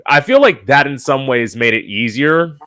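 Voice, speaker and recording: A man's voice: mid-range voice, sing-song, moderate pace, sharp tone. A man hosting a podcast, asking questions and sharing his own story. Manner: curious, asks questions, shares own story. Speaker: podcast host. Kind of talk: interview chat.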